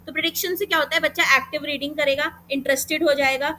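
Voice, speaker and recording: A woman's voice: high voice, steady tone, quick pace, pushed and bright, a little hiss or hum, rough recording. A woman with an Indian accent giving an exam-prep lecture, explaining step by step and asking herself rhetorical questions. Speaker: teacher.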